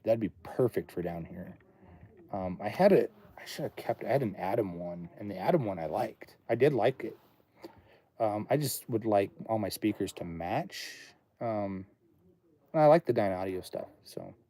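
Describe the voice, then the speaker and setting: A man in his late thirties, a livestream host and studio owner, chats casually from his home studio, thinking aloud and rambling from topic to topic. His voice sits on the low side with a dark tone, animated and at normal speed.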